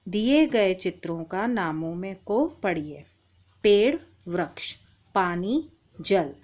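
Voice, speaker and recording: A woman teaching a primary-school language lesson, patiently calling the child "beta". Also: medium pitch. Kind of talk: slow, deliberate primary-school Hindi lesson.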